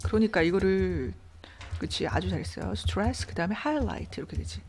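A woman's voice: mid-range voice, animated, normal speed, darkish tone, a little hiss or hum. A woman English teacher explaining reading passages and grammar step by step, asking her students questions as she goes. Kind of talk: online English reading lesson.

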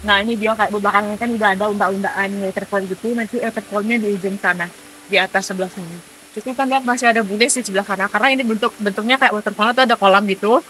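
A woman's voice: medium pitch, steady tone, rapid-fire, a bit bright. A woman vlogging outdoors at a waterfall, talking in a chatty, upbeat way with lots of fillers and an Indonesian accent. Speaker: travel vlogger. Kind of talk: casual travel vlog.

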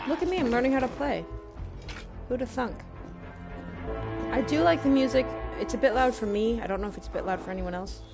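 A woman's voice: fairly high pitch, a little fast, gravelly, pauses often. A woman giving casual gameplay commentary as a streamer, talking to herself with self-deprecating humor and sometimes fumbling for words. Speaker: game streamer. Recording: music behind the voice. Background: game music and sounds.

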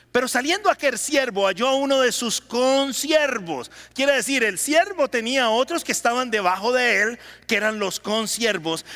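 A pastor with an extremely high, pushed, bright voice preaches a sermon and has the congregation repeat lines back to him. Long hall reverb surrounds the recording.

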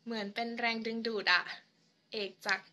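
A young woman with a strikingly bright, slightly high voice hosts a casual live stream. She reads her viewers' comments aloud and chats back to them in an easygoing, talkative way. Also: little pitch movement, moderate pace.

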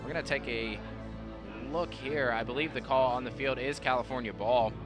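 A man's voice: medium pitch, steady tone, moderate pace. American male football color commentator, music behind. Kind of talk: live American football analysis.

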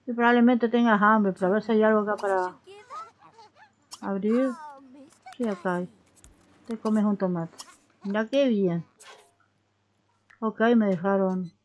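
A woman's voice: mid-range voice, steady tone, a little slow, pauses often. Chatty Rioplatense woman coaxing her game characters. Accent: Rioplatense Spanish. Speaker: gaming YouTuber. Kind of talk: casual let's-play commentary.

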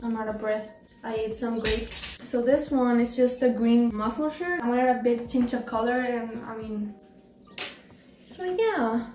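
A teenage vlogger with a slight Mexican accent chats and rambles in a tired, easygoing way during a casual try-on video, her voice sitting on the high side. She's in a small bedroom, picked up by a camera across the room, so the sound is distant and roomy, with soft music playing behind her.

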